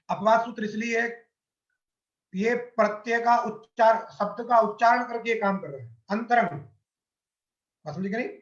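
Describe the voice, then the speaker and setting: A man teaching a grammar lesson step by step, asking his class questions and answering them himself. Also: high voice. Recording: roomy, dull lo-fi sound.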